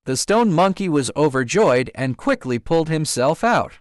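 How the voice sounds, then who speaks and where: Man reading an old fairy tale out loud, slightly high voice, super dry close sound. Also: big pitch swings, normal speed, no echo. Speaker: storyteller. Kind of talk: scripted storybook narration.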